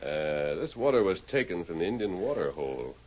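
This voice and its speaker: An actor playing a masked frontier lawman hero in an old radio drama, speaking firmly and clearly. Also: deep voice, sing-song, a little fast, highs cut off, exaggerated voice. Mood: stern. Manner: firm, clear-spoken, calls out loudly to his horse. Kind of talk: 1930s radio drama acting. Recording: scratchy vintage radio recording with hiss.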